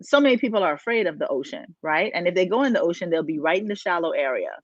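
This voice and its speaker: A woman's voice: lowish voice, lively intonation, quick pace, dry recording. Female life coach from the Bahamas, preachy and emphatic, dry and dull lo-fi audio. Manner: emphatic, preachy, asks rhetorical questions. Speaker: life coach and podcast co-host. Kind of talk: motivational podcast talk.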